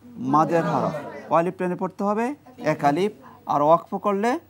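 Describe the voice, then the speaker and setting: A Quran reading teacher with a medium pitch and lively intonation talks at normal speed during a TV quiz-style lesson, with some chatter behind him. He quizzes the studio class, prompts them to recite together, then praises their answers while they chant along.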